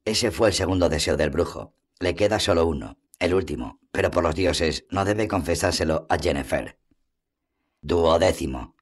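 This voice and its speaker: A man reading a fantasy novel aloud as an audiobook, in steady, measured narration. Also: low-pitched. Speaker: audiobook reader. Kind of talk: scripted narration.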